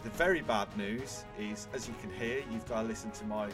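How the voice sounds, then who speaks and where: A man's voice: lowish voice, a little fast, over music. A man with a Birmingham accent hosting a podcast in casual, self-deprecating chat. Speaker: podcast host.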